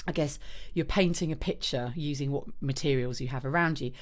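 A woman hosts an interview, asking enthusiastic, rambling questions with plenty of fillers. Her voice sits very low for a woman. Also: brisk. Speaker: interviewer host.

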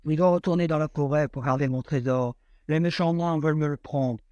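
A man doing a big, gentle talking bear. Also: on the high side, a little fast, clear, resonant tone, no room sound, dull audio, lightly acted. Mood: calm. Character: gentle talking brown bear, male, large.

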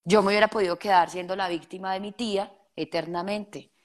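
Her mid-range voice moves fairly quickly as this young adult Colombian-accented actress recounts stories during an interview. She brings them to life by acting out others' voices.

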